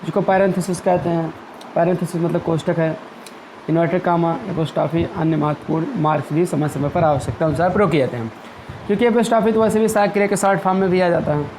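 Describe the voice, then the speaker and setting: A man with a fairly high voice teaches a grammar lesson. He goes step by step with everyday examples and reads example sentences slowly. There is a faint hum of background noise. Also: a little mellow, rough recording. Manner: checks in with "ठीक है" and "clear".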